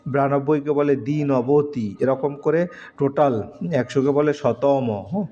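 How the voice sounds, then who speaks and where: A male teacher walking students through an exam-prep lesson, slowly reciting letters and numbers one by one. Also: mid-range voice, mellow. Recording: dull lo-fi recording.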